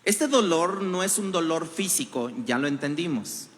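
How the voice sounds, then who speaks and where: A man's voice: fairly high pitch, animated, moderate pace, big-room sound. A man preaching a sermon as pastor, with a Mexican Spanish accent, building emphasis through rhetorical questions. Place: church hall.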